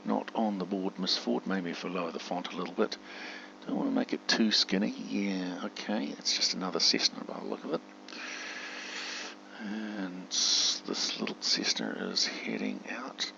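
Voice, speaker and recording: In muffled home audio with a faint hum, a man gives easygoing commentary on a simulator, thinking out loud and calling radio commands. He sounds low and creaky but expressive, talking at a normal speed.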